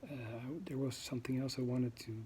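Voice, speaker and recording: A Dutch-accented man from the Netherlands films his first vlog, speaking unscripted to the camera, hesitant and full of ums and uhs as he hunts for words. His mid-range voice is mellow, brisk and flat in delivery. A faint hiss or hum sits under the audio.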